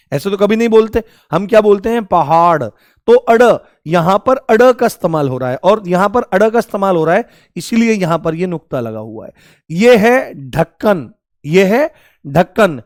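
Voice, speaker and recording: Here a man with a high-sitting voice leads a grammar class, raising questions and supplying the answers on his own. He warmly calls his listeners "babu." The studio-quality recording has no room sound.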